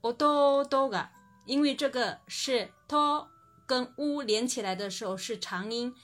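A woman teaching a recorded language lesson. She explains patiently, then says each example word slowly and clearly. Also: fairly high pitch, a bit bright, faint music behind.

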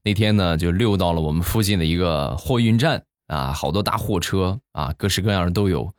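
A man hosting a comedy podcast, telling funny stories in a lively, playful way. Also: low-pitched, a little fast, no echo, studio quality. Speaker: podcast host. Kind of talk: comic storytelling.

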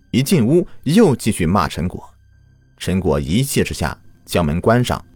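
A man's voice: lowish voice, no room sound. A man narrating true crime from a script as a host, in a dramatic storytelling manner. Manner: dramatic storyteller with rhetorical questions.

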